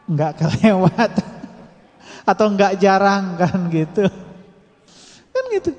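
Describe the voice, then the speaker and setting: High-voiced male preacher, reverberant hall. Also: lively intonation, takes it slowly, muffled recording. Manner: chatty, teasing, addresses women listeners directly. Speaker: religious teacher. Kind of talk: casual Friday religious talk.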